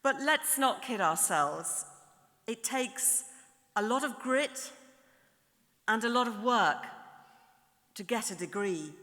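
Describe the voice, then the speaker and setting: Bright-voiced woman addressing a big hall. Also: on the high side, animated. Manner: measured, rhetorical, builds lists and repetitions. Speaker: graduation ceremony speaker. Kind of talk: formal ceremonial address. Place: large ceremony hall. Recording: long hall reverb in a large hall.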